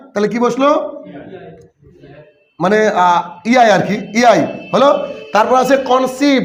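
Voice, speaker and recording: A man teaching spelling rules in an exam-prep lesson, asking his students questions and answering them himself. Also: very high-pitched. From West Bengal, India. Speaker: English teacher.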